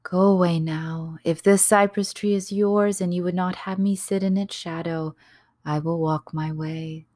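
A woman gives voice to a calm, tender male prophet in a storybook reading. He speaks softly in a slightly low register, drawing each phrase out slowly. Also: no echo, clean studio sound, lightly acted. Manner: soft, low and slow.

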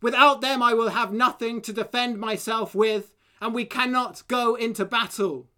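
Woman as stern old king, bellows orders, unhurried. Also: medium pitch, fairly even intonation, clear, resonant tone. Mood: commanding. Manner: loud, proclamatory.

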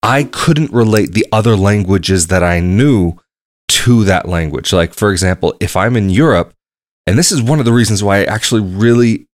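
A young adult man hosts a travel podcast alone, rambling conversationally and thinking aloud in a casual solo monologue. His voice sits on the low side, and the recording is dry and studio quality.

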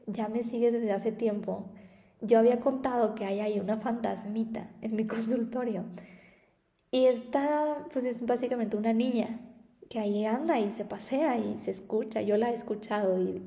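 A woman's voice: on the high side, mellow, reverberant. A young woman with a Mexican Spanish accent, hosting a podcast in a chatty storytelling monologue that is often broken by laughter. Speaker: podcast host and spiritual therapist. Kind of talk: casual spoken monologue.

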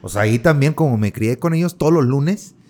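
A man with a Mexican accent, a guest in a casual interview, telling stories in relaxed, slangy talk. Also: medium pitch, a little fast. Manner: relaxed, storytelling, uses colloquial slang.

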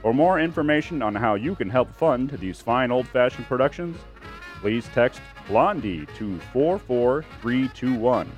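A man's voice: mid-range voice, expressive, measured pace, faint music behind, rough recording. A man giving a scripted radio-style announcement as the show's announcer.

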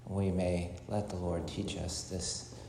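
A man with a low voice speaks as a priest reading and preaching at Mass. His delivery is slow and solemn, with halting pauses. The church gives a cathedral echo and long reverb, over a faint hum. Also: little pitch movement, vocal fry. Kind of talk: liturgical Gospel reading and homily. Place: large echoing church.

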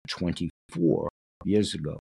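Low, gravelly man. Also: big pitch swings, slow, darkish tone, no room sound, studio quality. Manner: digressive, repeats himself. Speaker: show host reading from a book. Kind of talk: reading aloud with casual rambling asides.

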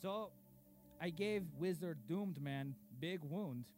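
An actor playing a cruel, boastful dark lord king reading his diary in broken grammar, in a comedic audio sketch. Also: fairly high pitch, takes it slowly, soft background music. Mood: pompous.

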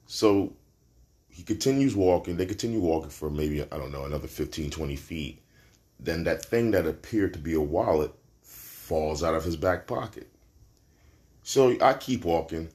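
Very deep-voiced Brooklyn man telling a story. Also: moderate pace. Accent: New York. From Brooklyn, New York. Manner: animated storyteller, slangy and profane, jumps up in pitch for punchlines. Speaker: podcast host. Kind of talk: casual solo podcast storytelling.

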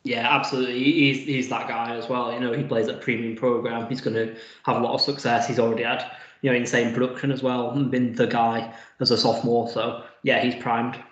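A man talks fast in a casual podcast chat, piling up fillers and restarts. His pitch stays flat. The audio sounds roomy and dull, like a lo-fi call. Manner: quick, filler-heavy analysis with many restarts. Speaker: podcast guest.

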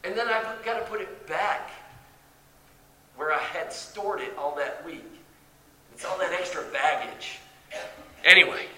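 Brief: male preacher, bright high voice, playful and excitable delivery. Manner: animated and playful, swings from soft asides to excited shouts. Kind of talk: sermon.

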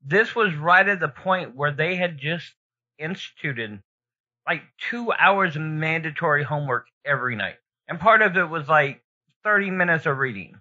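A man's voice: on the high side, expressive, moderate pace, pushed and bright. A man hosting a podcast in a casual, conversational style. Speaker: podcast host. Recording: slightly dull, lo-fi podcast sound.

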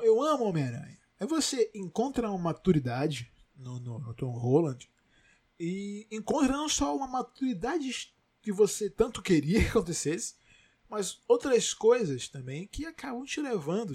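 Excitable husky Brazilian podcast host. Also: male voice, high voice, moderate pace. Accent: Brazilian Portuguese. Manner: rambling, self-correcting, excitable. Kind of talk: casual chat.

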